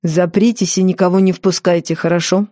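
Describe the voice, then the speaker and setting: A woman voicing a male castle keeper who speaks slowly, weightily and politely. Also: fairly low pitch, steady tone, mellow, dry recording, clean studio sound, natural voice. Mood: measured. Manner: slow, measured, deferential.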